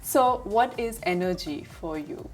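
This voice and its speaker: A woman's voice: mid-range voice, lively intonation, unhurried, soft background music. A woman hosting a talk show interview, eager and gushing, murmuring agreement as her guest speaks.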